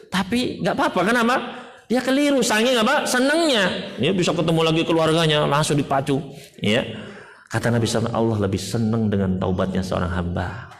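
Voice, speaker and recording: A man's voice: fast talker, big-room sound. A man giving a conversational Islamic sermon, acting out parents in raised voices and dotting his talk with "ya". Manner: lively, swings high to act out parents, fills with "ya". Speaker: Islamic preacher.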